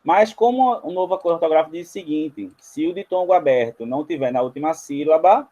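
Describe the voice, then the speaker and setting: A man's voice: a little high, a little fast, mellow, rough recording. A man teaching a spelling lesson at a board, walking viewers through each example step by step. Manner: explains step by step, often pointing things out to viewers.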